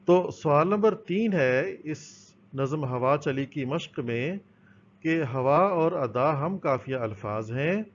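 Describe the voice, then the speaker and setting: A man's voice: fairly high pitch, expressive. A man teaching a recorded school lesson, explaining patiently and answering his own questions. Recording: dull, lo-fi with faint noise.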